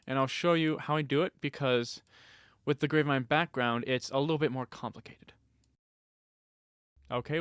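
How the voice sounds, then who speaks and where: A man's voice: mid-range voice, a bit bright, clean tone, dry recording, clean studio sound. A man giving a casual step-by-step tutorial on voice effects, explaining settings plainly with fillers and restarts.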